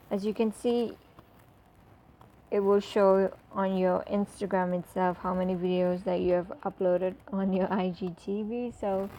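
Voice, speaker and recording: A woman's voice: medium pitch, mellow, rough recording. A woman talking through an app tutorial as a casual voice-over, chatty and full of fillers as she walks through each step. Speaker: tutorial presenter.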